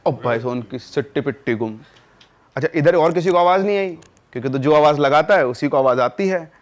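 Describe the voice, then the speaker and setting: A man with a somewhat high voice, speaking a bit quickly, tells a creepy tale in a chatty podcast manner. He throws in dramatic asides aimed at the listener, making it casual spoken horror storytelling.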